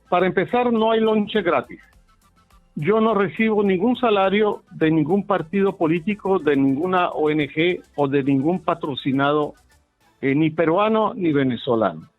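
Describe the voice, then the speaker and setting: A man with a Caribbean Spanish accent, speaking bluntly as a panelist in a live political debate, over a thin phone-like connection. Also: fairly high pitch. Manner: blunt, plain-spoken. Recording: thin phone-like sound, music behind.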